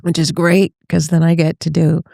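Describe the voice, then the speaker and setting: A woman's voice: sits low, flat delivery, normal speed, vocal fry, mellow, dry recording, studio quality. A middle-aged woman from Northern California, a voice teacher chatting casually as an interview guest, laughing often and trailing off mid-thought.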